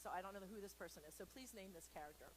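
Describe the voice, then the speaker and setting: Over noticeable background noise and poor audio, a woman with a mid-range voice talks rapid-fire while leading an informal children's storytime for a church. She's playful and extroverted, chatting in rambling, self-deprecating asides.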